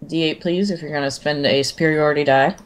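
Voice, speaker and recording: A relaxed game master running a tabletop session on a live stream. The talk is loose and chatty, sometimes through a mouthful of food. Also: mid-range voice, fast, clean tone. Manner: casual, talks while eating.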